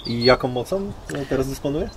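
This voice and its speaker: A man's voice: mid-range voice, lively intonation, fairly quick, slight background noise. A man interviewing in casual chat, informal, slangy and inquisitive.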